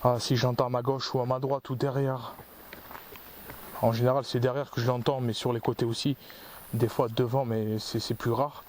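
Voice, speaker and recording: A man's voice: medium pitch, level tone, normal speed, a little mellow, slight background noise. A man hosting a paranormal investigation outdoors in a forest, rambling as he explains his gear. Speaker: paranormal investigator, channel host. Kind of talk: casual on-location commentary.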